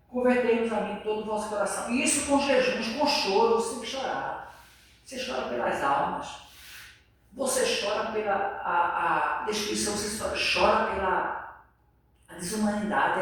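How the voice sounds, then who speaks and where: A man's voice: high-pitched, lively intonation, normal speed, fairly bright tone. A man preaching an impassioned sermon, acting out the voices of others. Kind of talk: sermon, Bible study. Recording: echoey room, voice far from mic.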